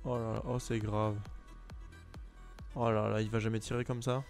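A man, commenting casually on game clips, trailing into quiet asides and bursting into loud shouts. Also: level tone, moderate pace, soft background music. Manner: chatty, mumbles low asides, bursts into shouts. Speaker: gaming streamer reacting to clips.

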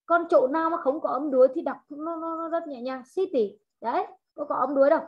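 A woman English teacher in an online class, slowly modelling words, repeating them and correcting her students' pronunciation. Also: high-pitched, fairly even intonation, dull audio. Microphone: video call.

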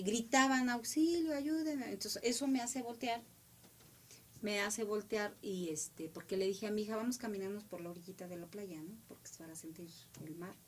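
Mexican lady in her middle years, animated storytelling, drops to a whisper now and then. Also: medium pitch, a little hiss or hum. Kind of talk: emotional storytelling.

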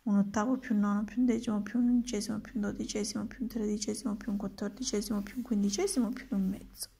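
A woman's voice: mid-range voice, fairly even intonation, quick pace, creaky, mellow, slightly rough. A woman voicing an impatient old wizard. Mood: brisk. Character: old male wizard, impatient math teacher.

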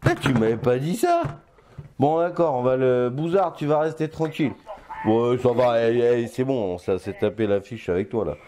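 A man's voice: medium pitch, normal speed, background noise. An older man reviewing a toy blaster in casual, playful chat, often stopping to hesitate. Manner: chatty and playful, with many hesitations.

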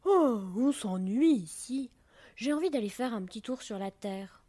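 A plucky little water drop, curious and cheerful, speaks in a bright, lifted, high voice, as a woman reading the story puts her on. Her lines rise well above the narration, light and eager. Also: brisk, close to an everyday voice. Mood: lively.

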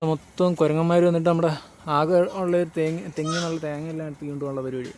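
A man's voice: fairly high pitch, little pitch movement, quick pace, darkish tone, slight background noise. A man talking casually in a family vlog, commenting on what he sees around the house. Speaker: family vlogger. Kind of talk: casual home vlog chat.

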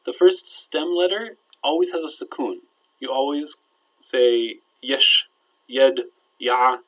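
Teaching a grammar lesson on a recorded lecture, a male Arabic teacher explains conversationally and keeps checking that students are following. His phrases fade quietly at their ends, and his voice sits at a normal middle pitch. The recording is rough.

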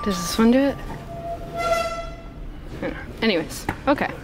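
A woman's voice: medium pitch, sing-song, measured pace, over loud music. A woman bantering playfully and teasing during a casual warehouse tour.

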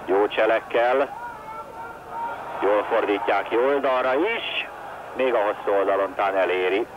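Male football commentator from Hungary, excitable and critical, on a dull old TV broadcast with very loud background noise. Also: on the low side. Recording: dull, very noisy archive TV broadcast.

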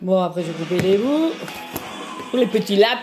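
Music plays in the background as an older woman from France, who vlogs about home cooking, peels vegetables and talks at normal speed. Her mid-range voice is animated, and her earthy, chatty manner comes with constant asides and a recurring "hein."

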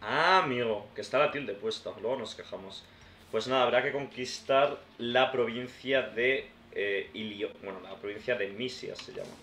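Here a man with a medium-pitched, pushed and bright voice talks at normal speed over his gameplay. He's a chatty YouTuber who muses out loud and calls viewers "tío" and "hermanos" as if they were pals. Faint background noise and a roomy sound fill the recording.

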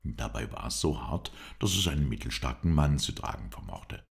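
Very deep, gravelly male audiobook narrator. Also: moderate pace. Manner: even, storytelling delivery. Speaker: audiobook reader. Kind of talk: audiobook narration of an adventure novel.

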